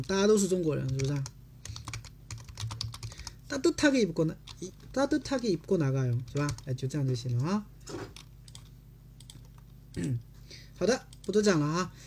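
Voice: medium pitch, darkish tone, a little hiss or hum. A Korean language teacher from China giving a livestream lesson. The teacher constantly asks the audience tag questions and switches between Chinese and Korean example sentences.

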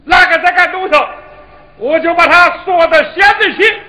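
Performer for an old village mediator in Chu opera, Hubei accent, high bright voice, stern and dryly teasing. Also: steady tone, poor audio. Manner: slow stern scolding with dry teasing. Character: older village elder Uncle Ye, stern mediator. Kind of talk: Chu opera stage acting.

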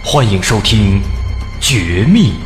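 A man's voice: lowish voice, sing-song. A man announcing a dramatic scripted show intro in a portentous manner. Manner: slow, portentous delivery. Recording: echoey long reverb over eerie music.

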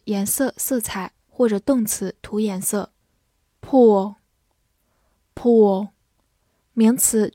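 A young woman teaching vocabulary in a recorded lesson, saying each English word twice clearly, then giving brisk explanations. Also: mid-range voice, warm tone, no echo, clean studio sound.

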